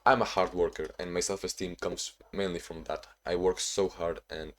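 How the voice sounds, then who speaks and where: His voice sits low and a bit bright, with fairly even intonation at normal speed. A tired young man from Spain and Ukraine, non-native in English with Spanish or Ukrainian as his first language, vlogs casually to his camera, rambling, self-reflective and frequently restarting.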